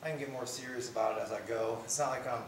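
A man's voice: medium pitch, fast talker, slight background noise. Middle-aged male vlogger, easygoing and self-mocking, caught from across an echoey garage. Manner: relaxed, rambling, self-deprecating. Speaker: fitness vlogger. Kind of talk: casual talk to camera. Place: home garage gym. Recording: echoey garage, far from camera.

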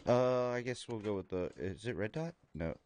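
A man streaming a shooter game live, thinking aloud as he loots, excitable, with his voice jumping up high at times. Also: normal speed. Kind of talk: live gameplay commentary.

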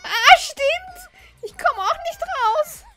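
A woman voicing a small, clingy Digimon creature that yells for help in a frantic, shrill voice. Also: animated, slow, faint music behind, full character voice. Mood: panicked.

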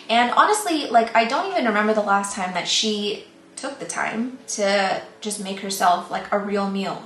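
A woman's voice: medium pitch, fairly bright tone. Young female vlogger, chatty and rambly, recorded at home in a reverberant room. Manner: chatty, rambling, self-deprecating. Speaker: plant YouTuber. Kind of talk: casual vlog talk to camera. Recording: roomy echo, faint ambient noise.

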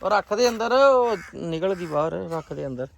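A man's voice: high-pitched, animated, normal speed, creaky, slight background noise. A man chatting informally as a vlogger to viewers and a companion outdoors. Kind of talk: casual village vlog chat.

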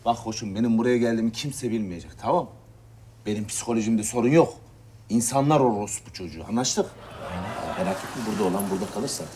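A man's voice: on the low side, a little mellow, a little hiss or hum, natural voice. An actor playing a short-tempered, crude man who is a therapy client, in a comedy sketch. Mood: irritable. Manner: blunt, crude and quick to snap.

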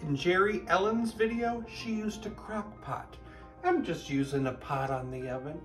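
A man in his thirties hosting a casual home cooking video in his kitchen, with animated, gushing exclamations. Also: high voice, moderate pace, soft background music. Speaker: cooking channel host. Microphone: camera at close range.

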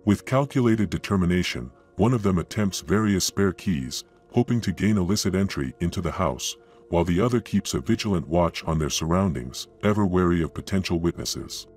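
Male narrator, deep voice, grave nature-documentary storytelling with suspense, faint music underneath. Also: animated, a little fast, darkish tone. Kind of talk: dramatic scripted narration of security footage.

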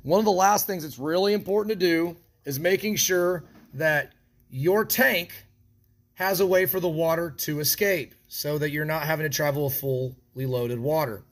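A man with a fairly high voice walks through a build in a hands-on how-to. He explains each step plainly while handling parts in front of a close phone camera. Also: normal speed. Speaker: equipment shop instructor.

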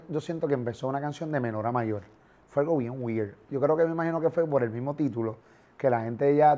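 A man with a Puerto Rican accent hosting an interview, talking in an animated, slangy way and acting out reactions with sound effects. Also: mid-range voice, lo-fi sound. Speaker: interview host, radio presenter. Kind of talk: casual interview talk.

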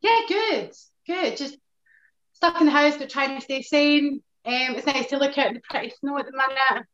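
Speaking from her sofa-furnished living room over a laptop video call, a Glaswegian Scottish hair colour director is the guest in a casual interview. She's enthusiastic and quick to laugh warmly, with a high-pitched voice at a moderate pace, and the audio comes through dull and lo-fi.

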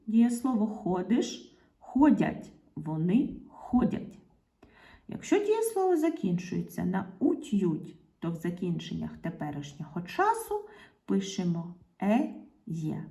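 A woman's voice: on the low side, gravelly, mellow. A woman teacher, patiently explaining a grammar lesson to young pupils, sometimes dropping to a half-whisper. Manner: slow, patient explaining to children, often half-whispered asides. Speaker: primary school teacher.

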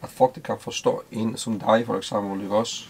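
A middle-aged man from Denmark interviewing casually in a small boat cabin, halting and repeating words. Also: fairly low pitch, fairly even intonation, creaky, a little hiss or hum.

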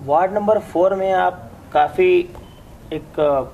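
A local reporter interviewing a candidate, asking questions in a halting way as he searches for words. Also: sits high, a little mellow, lo-fi sound, slight background noise.

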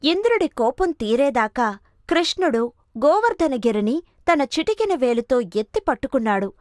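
Woman storyteller, children's cartoon, high voice, dry close recording. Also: normal speed, no echo. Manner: expressive, dramatic storytelling. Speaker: narrator. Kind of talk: scripted storytelling narration.

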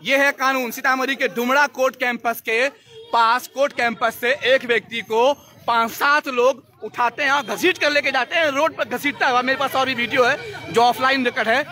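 Here a male field reporter's very high voice sounds pushed and bright, steady in tone and moderate in pace. He's live on a busy street outside a court campus, urgently confronting people, and the noisy outdoor recording picks up crowd and traffic.

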